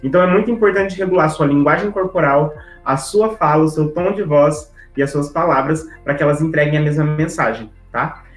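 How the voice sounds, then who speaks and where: A man teaching public speaking in an online class, talking fast and lively and checking in with the audience as he goes. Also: fairly high pitch, roomy sound, faint music behind, low-quality recording. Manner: lively, talks straight to the audience with tags like "tá?" and "né?"; brisk, speeding up on purpose to fit the content in. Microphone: video call setup.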